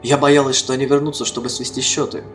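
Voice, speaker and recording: A man voicing a fierce, proud half-orc woman who speaks in sharp, commanding outbursts. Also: mid-range voice, little pitch movement, fast, faint music behind, pitched above the performer's own voice, lightly acted. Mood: wary. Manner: sharp, loud, imperious outbursts.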